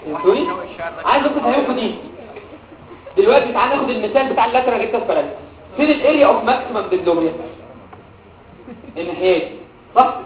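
A man's voice: very high-pitched, racing, long pauses, far from the mic. A man with an Egyptian Arabic accent lecturing medical students, mixing in English medical terms and quizzing the class. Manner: animated, asks the class questions and answers them himself; mixes English medical terms into his talk. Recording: tinny phone-like audio, echoey room, from afar.

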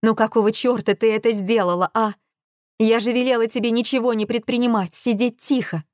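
A woman's voice: fairly high pitch, steady tone, fairly quick, dry recording, studio quality, voice pushed up, lightly acted. A woman voicing a distraught grown daughter who scolds her mother in exasperation. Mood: exasperated.

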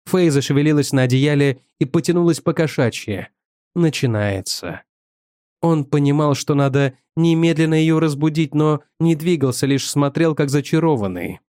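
A male narrator reads a short story in a measured, dramatic way. His voice sits somewhat high for a man. The recording is dry and close, with no room sound. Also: dark tone, dry recording. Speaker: audiobook narrator. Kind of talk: scripted narration.

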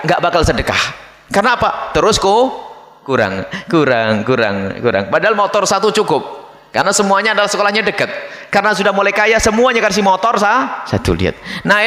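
A man giving a religious lecture to a congregation, animated, acting out the voices of people he describes. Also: high voice. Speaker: Islamic preacher. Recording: echoey hall with long reverb.

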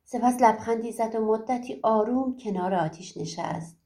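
راوی زن با صدای گرم و ملایم. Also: female voice, on the high side, dark tone. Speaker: audiobook narrator. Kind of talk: storytelling narration.

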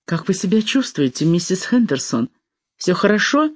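A reader voicing a brisk, cold male surgeon in an audiobook. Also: high-pitched, very animated, dry recording. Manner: brisk and businesslike. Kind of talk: audiobook dialogue.

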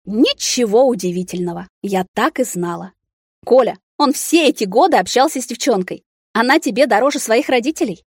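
A woman's voice: on the high side, animated, brisk, slightly rough, no echo, clean studio sound, pitched above the performer's own voice. A woman reading an audiobook, voicing a dramatic, tearful middle-aged mother who exclaims in offense. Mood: plaintive, indignant. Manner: exclaiming, plaintive.

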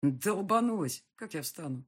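A woman's voice: on the low side, lively intonation, normal speed, slightly rough. A woman voicing a sulky young male ghost who talks in rude, sarcastic slang.

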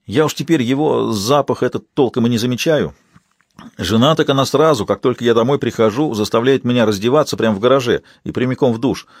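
A man voicing nervous, hurried Marley. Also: medium pitch, no room sound, clean studio sound, lightly acted. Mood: chatty. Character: nervous hurried male club worker Marley.

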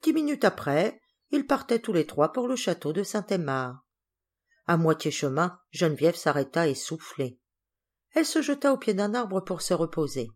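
A woman narrates a classic children's novel for an audiobook in a clear, steady manner. Her voice sits on the low side for a woman. The reading is fully scripted storytelling. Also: moderate pace. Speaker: audiobook reader.

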